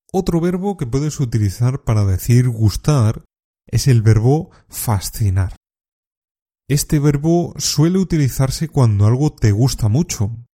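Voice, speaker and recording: Man, language teacher, scripted lesson, calm and measured, very dark mellow voice. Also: medium pitch. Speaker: Spanish teacher.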